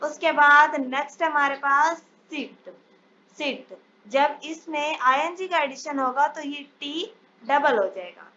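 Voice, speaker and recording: A woman teaching English spelling rules in a step-by-step lesson, reading each English rule out slowly before explaining it. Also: high-pitched, sharp tone. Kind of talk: spelling lesson over slides. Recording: dull lo-fi sound, faint hiss.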